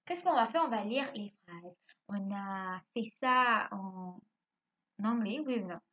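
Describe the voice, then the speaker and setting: A woman's voice: medium pitch, animated, takes it slowly, a bit bright. A woman teacher giving a recorded lesson to young children, asking questions and answering them herself and spelling words out letter by letter. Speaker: primary school teacher. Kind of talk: recorded remote class lesson. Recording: dull lo-fi recording.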